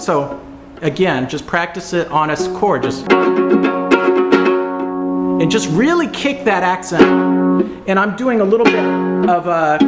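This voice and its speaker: A man teaching viola technique, explaining and demonstrating passages in a relaxed, pausing way. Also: on the high side. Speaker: music teacher. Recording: roomy echo, faint music.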